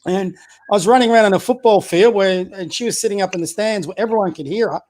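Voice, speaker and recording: On a casual podcast, a high-voiced community basketball coach talks politics at a quick clip with a darkish tone. He's blunt and opinionated, hurling rhetorical questions and stumbling into restarts while building his argument.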